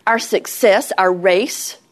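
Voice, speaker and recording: A woman's voice: medium pitch, takes it slowly. A middle-aged woman with a Southern US accent, teaching a healing ministry lesson in a folksy, earnest, conversational way. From Southern United States.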